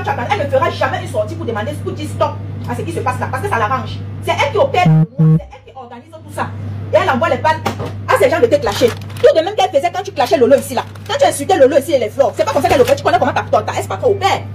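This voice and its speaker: Rapid-fire emphatic woman. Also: high-pitched. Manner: emphatic, repetitive, taunting, frequent "hein?". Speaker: online commentator. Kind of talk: heated direct-address monologue.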